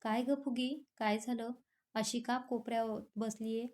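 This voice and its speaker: A woman's voice: on the high side, little pitch movement, moderate pace, a little mellow, natural voice. A woman voicing a caring young woman friend who teases and soothes, in a storybook romance. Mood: soothing. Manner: soothing and teasing.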